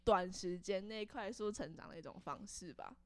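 A young woman, co-hosting a casual podcast and reacting with quick, lively comments. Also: mid-range voice, no echo. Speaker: podcast co-host.

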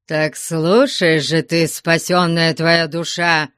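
A woman voicing a stern, angry old merchant father who shouts threats at his family in an audiobook. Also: low-pitched, flat delivery, takes it slowly, clean tone, dry recording, studio quality. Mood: domineering.

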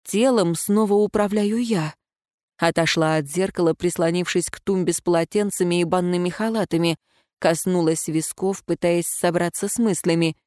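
A woman reading a first-person story aloud in an even, reflective narration. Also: fairly low pitch, moderate pace, no echo, clean studio sound. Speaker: audiobook narrator.

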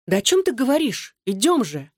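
Woman reading a panicky girl, higher pitched, quick and pushing, dry sound. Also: sing-song, no room sound. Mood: urgent. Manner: urgent, pushing. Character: scared, insistent young girl.

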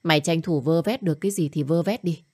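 A woman voicing a young woman who is the blunt, worried best friend, talking fast and scolding. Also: sits low, darkish tone.

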